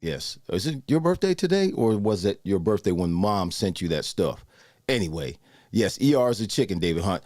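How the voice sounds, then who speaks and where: A man's voice: fairly low pitch, very animated, moderate pace, a little mellow, dry recording, studio quality. A man in his sixties hosting a casual live show, chatting loosely and greeting viewers by name. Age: 60s. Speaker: host. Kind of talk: casual livestream chat with viewers.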